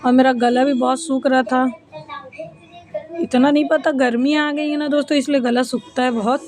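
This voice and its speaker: A woman's voice: high-pitched, fairly even intonation, normal speed, a little mellow, soft background music. A woman in her thirties narrating a casual home vlog, chatting with viewers as friends while she cooks and her family plays. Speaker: family vlogger.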